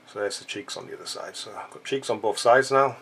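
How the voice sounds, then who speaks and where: A fly-tying channel host walks through a tutorial with a stuffy, blocked-up nose, chatting casually and making joking asides as he works. His voice sits on the low side, creaky and a bit bright with a breathy edge, and he talks fast.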